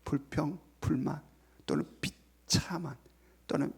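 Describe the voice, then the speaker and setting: A man preaching a Sunday sermon as pastor, retelling a parable dramatically and dropping to hushed near-whispers for emphasis. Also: on the high side, slow pace, vocal fry, husky. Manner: retells a parable with voiced quotes. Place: church sanctuary.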